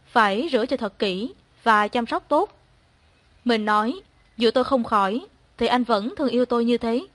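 A young woman narrates her own story calmly and evenly, her voice sitting fairly high. The recording is dry and close to the mic, with no room sound at all. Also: dry recording. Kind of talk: first-person story narration.

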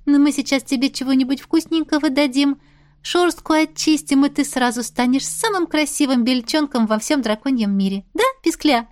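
A woman reading a story, voicing a stubborn, soft-hearted young woman who coos over a small pet. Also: moderate pace, no echo, natural voice. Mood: cooing. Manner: high, gushing, cooing to a pet.

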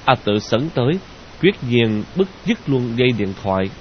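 A man narrating a novel in a slow, measured way. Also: medium pitch, sing-song. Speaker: audiobook narrator. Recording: dull lo-fi audio with hiss.

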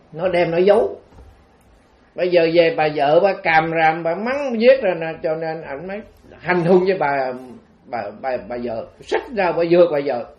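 A Southern Vietnamese monk with a notably high voice tells a story in a dharma talk. He talks in a loose, rambling way and turns often to his listeners. The recording sounds dull and lo-fi. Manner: rambling, conversational, addresses the audience directly. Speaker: Buddhist monk teacher.

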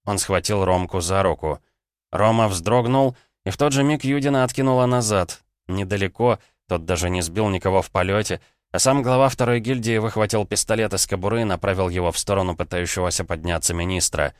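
A man narrating an audiobook in first person, in an even, measured way, on a close studio mic. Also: low-pitched, dry recording.

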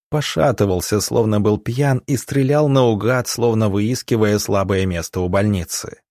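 A man narrating an audiobook in a measured, dramatic reading style. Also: on the low side, darkish tone, dry recording, clean studio sound. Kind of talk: scripted narration.

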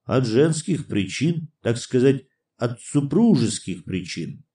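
A man's voice: medium pitch, very animated, slow pace, warm tone. A man reading an audiobook, voicing a nervous young officer who speaks hesitantly and formally. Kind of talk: audiobook character voice.

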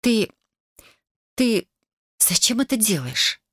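A woman's voice: a little high, sing-song, takes it slowly, a bit bright, husky, no echo, clean studio sound, voice pushed up, exaggerated voice. A woman voicing a flustered, indignant young student. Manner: flustered, exclaiming. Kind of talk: audiobook character voice.

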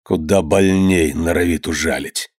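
A man reading an audiobook, voicing a wrathful, domineering old merchant who shouts and scolds in old-fashioned speech. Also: sits low, steady tone, measured pace, dry recording, clean studio sound, voice pushed down. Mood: furious.

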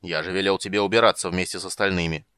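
Man doing an old wizard, absent-minded, grumpy, fussy scolding, lowish voice, dry audiobook sound. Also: fairly even intonation, racing, sharp tone, smooth, no room sound. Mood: bossy. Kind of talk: audiobook reading.

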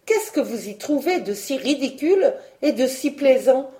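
A woman's voice: fairly high pitch, expressive, normal speed, warm tone, lightly acted. A woman reading a storybook, voicing a kind-hearted young country girl who speaks earnestly. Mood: indignant.

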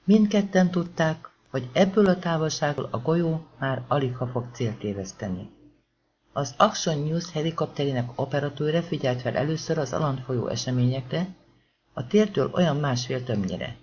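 Guy reading an audiobook, steady measured pace, middle-pitched voice, slightly dull lo-fi sound w/ faint hiss. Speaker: audiobook narrator. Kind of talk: scripted narration.

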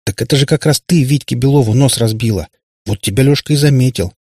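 An earnest, good-natured schoolgirl speaks softly and teases her friend lightly, as a man reading the book puts her on. The raised voice keeps a husky grain. It is recorded dry and close. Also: mid-range voice, fast, no echo, voice pushed up. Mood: gentle. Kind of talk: audiobook reading.

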